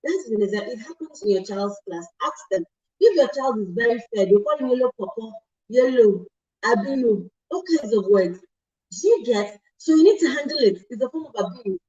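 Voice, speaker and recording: Lady hosting a talk show, lively storytelling, keeps correcting herself, kinda dull lo-fi audio. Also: fairly high pitch, fairly quick. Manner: animated storytelling with many asides and self-corrections. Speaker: host.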